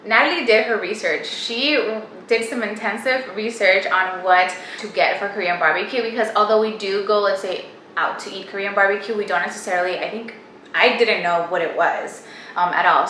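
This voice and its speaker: A woman's voice: mid-range voice, bright, forceful tone, a little hiss or hum. A young woman hosting a casual home vlog with her sister, chatty and explaining things step by step. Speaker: vlogger host. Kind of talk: casual chat. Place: home kitchen. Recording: roomy home recording.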